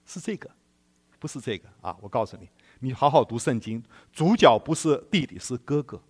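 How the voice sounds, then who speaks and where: Lively, animated male preacher. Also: medium pitch, fairly quick. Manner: animated storytelling with rhetorical questions to the congregation. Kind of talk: sermon.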